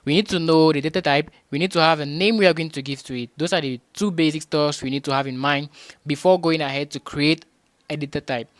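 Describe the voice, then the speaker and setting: A man tutoring beginners in programming, patiently repeating each point and often pausing with hesitations and restarts. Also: fairly high pitch, steady tone, no room sound. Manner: patient and repetitive, restates points with rhetorical questions.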